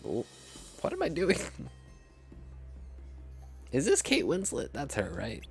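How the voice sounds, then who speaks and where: A man's voice: fairly high pitch, huge pitch swings, takes it slowly, vocal fry, faint music behind. A young man chatting casually and rambling in a self-deprecating way as he plays a video game. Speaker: streamer. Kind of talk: casual gameplay commentary.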